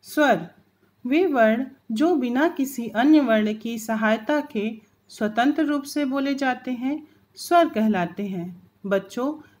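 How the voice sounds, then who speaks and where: Woman teacher, grammar lesson for kids, unhurried delivery, slightly high voice. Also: darkish tone. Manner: slow, careful teacher's delivery, drawing out example sounds. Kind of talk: recorded grammar lesson for children.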